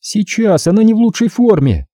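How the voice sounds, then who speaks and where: A man voicing a sadistic young woman kidnapper who gloats and taunts in a shrill, high voice in an audiobook. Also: sing-song, fairly quick, warm tone, dry recording, studio quality. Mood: gloating. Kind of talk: audiobook character voice.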